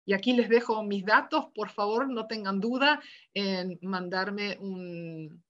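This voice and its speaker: A woman lecturing to teachers in a relaxed, conversational way, often asking "¿verdad?" and acting out quoted dialogue in her stories. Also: medium pitch, dull audio. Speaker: university education lecturer. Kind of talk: lecture given online.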